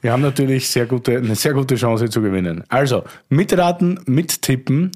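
A man's voice: mid-range voice, expressive, moderate pace, darkish tone. A man hosting a wine podcast, chatting casually and heaping praise on his guest. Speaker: podcast host. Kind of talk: casual chat.

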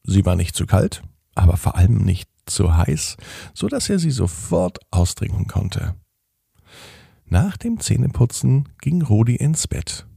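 Slow gravelly male storyteller. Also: fairly low pitch, dry recording, studio quality. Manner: calm, unhurried. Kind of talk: bedtime story narration.

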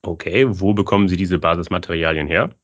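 A man hosting a podcast, reading a smooth, scripted introduction and asking questions. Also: deep voice, fairly even intonation, fast talker, dull audio. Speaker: podcast host. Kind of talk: podcast interview.

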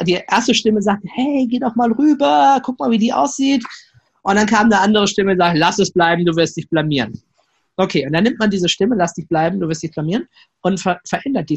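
Husky-voiced man coaching on flirting. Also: sits high, fairly quick. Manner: lively storyteller, acts out inner voices, frequent "ne?". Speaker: interview guest, flirting coach. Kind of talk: conversational interview.

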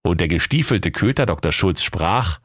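A man narrating a comic fairy tale in a deadpan storytelling manner. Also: low voice, moderate pace, no echo, clean studio sound.

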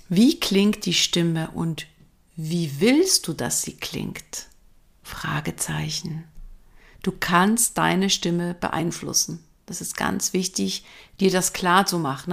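A woman voice coach talks the listener through her topic in a calm, direct way. She speaks slowly, in a fairly low voice with a creaky edge. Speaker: voice coach, podcast host. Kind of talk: instructive podcast talk.

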